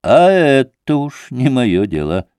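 A man's voice: mid-range voice, very animated, slow pace, a little mellow, smooth, no echo, clean studio sound. A man playing a curt, impatient doctor. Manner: clipped, stressing every syllable. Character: curt, impatient, self-important male doctor.

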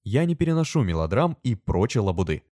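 A brusque young man, cocksure and mocking, who snaps out short lines with lively rises and falls, as a male reader puts him on. His voice is pitched a little above the reader's own. The recording is dry and close up. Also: a little fast, no echo. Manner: curt, mocking, matter-of-fact.

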